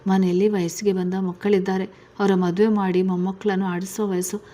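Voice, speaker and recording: A woman's voice: medium pitch, level tone, fairly quick, warm tone, close to an everyday voice. Woman voicing a middle-aged wife, scolding, exasperated, storybook reading.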